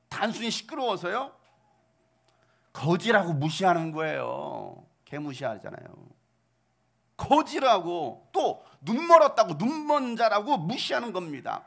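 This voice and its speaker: 열정적으로 설교하는 중년 남성 목사. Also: male voice, high voice, creaky. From South Korea. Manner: animated preaching with rhetorical questions, sudden shouted outbursts. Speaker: pastor. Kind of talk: sermon.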